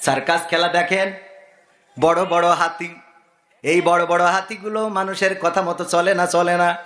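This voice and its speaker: A man preaches a waz sermon. His voice is high, bright and cutting, and he often shouts. He drives his points home with a singing lilt and repeated rhetorical questions. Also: fairly even intonation, measured pace. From Bangladesh. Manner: loud, sing-song preaching with rhetorical questions. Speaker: Islamic preacher.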